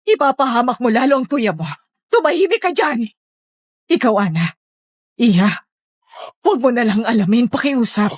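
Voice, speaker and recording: A woman's voice: fairly high pitch, lively intonation, normal speed, pauses often, husky, no room sound, clean studio sound, voice pushed up. A woman voicing a secretive, protective mother who scolds and pleads urgently in a horror story. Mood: stern, secretive. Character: stern, secretive, desperate mother guarding her child.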